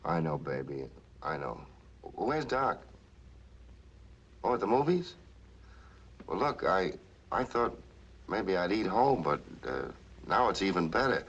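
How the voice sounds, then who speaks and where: An actor playing a troubled, curt police lieutenant in a 1940s film noir style. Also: male voice, deep voice, big pitch swings, unhurried, long pauses, fairly bright tone, husky, exaggerated voice. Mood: tender. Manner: curt, tough, evasive. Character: brusque, troubled police lieutenant, a married man. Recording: dull old film soundtrack.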